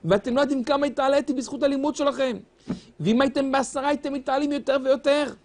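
A man gives a fervent sermon in a high-pitched voice. His delivery rises and falls in a sing-song preaching cadence. He stretches some phrases into long, wailing cries. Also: steady tone, a little mellow.

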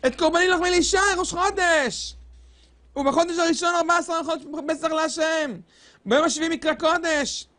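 A man delivering a sermon, preaching in a fervent sing-song cadence with long, drawn-out wails. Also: extremely high pitch, steady tone, sharp tone.

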